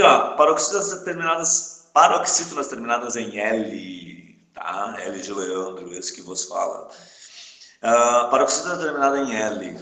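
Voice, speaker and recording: A male teacher gives a lesson in a classroom with plenty of room echo. His pitch sits in a medium range. He pauses again and again to check that his students are following. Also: fairly bright tone. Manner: checks in often with the class, asking "tá?". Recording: echoey room.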